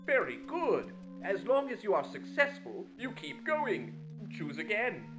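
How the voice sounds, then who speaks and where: Courteous, earnest game opponent, formal and stilted, high voice, music behind. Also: male voice, wildly swooping pitch, measured pace, heavily acted, poor audio. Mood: courteous, delighted. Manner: stilted, formal, exclamatory delivery. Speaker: game character. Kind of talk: scripted video game voice acting. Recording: music under the voice.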